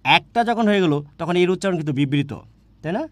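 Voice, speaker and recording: A man with a high, lively voice speaks briskly, teaching an online grammar class in a dry recording. He repeats his points and poses questions that he answers himself.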